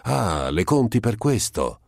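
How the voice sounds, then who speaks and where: Man doing a mild old gent from a storybook, coaxing, lifted above his own deep voice. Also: sing-song, a little slow, creaky, darkish tone, dry recording, studio quality, exaggerated voice. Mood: gentle. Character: eccentric older gentleman bird-keeper, gentle.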